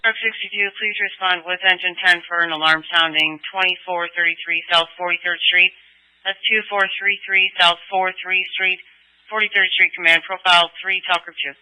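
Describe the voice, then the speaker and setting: A man working as an emergency dispatcher, giving clipped, brisk calls over a police radio transmission. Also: high-pitched, fairly even intonation, sharp tone. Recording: lo-fi scanner audio with hum.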